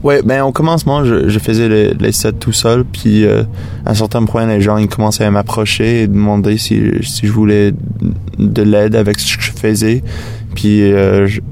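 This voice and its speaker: A man, a native English speaker with a foreign accent in French, chatting in an interview and haltingly searching for words. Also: fairly low pitch, little pitch movement, gravelly, background noise. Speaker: musician being interviewed. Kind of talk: casual interview chat.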